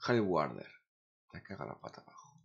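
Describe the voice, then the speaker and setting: Grumbling streamer, lo-fi sound. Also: male voice, mid-range voice, moderate pace. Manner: grumbling, swears often, talks to himself. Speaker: gaming streamer. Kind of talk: casual streaming chatter. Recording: dull lo-fi sound.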